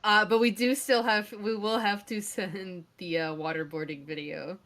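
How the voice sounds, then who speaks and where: A woman doing color commentary on an esports match, playful and quick with jokes. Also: mid-range voice, steady tone, a bit bright. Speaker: esports caster.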